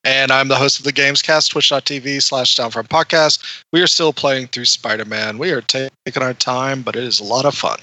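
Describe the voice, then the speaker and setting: Brooklyn-accented male podcast host, sharp forceful tone, dry close sound. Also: mid-range voice, steady tone, a little fast, no echo. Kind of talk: casual podcast chat.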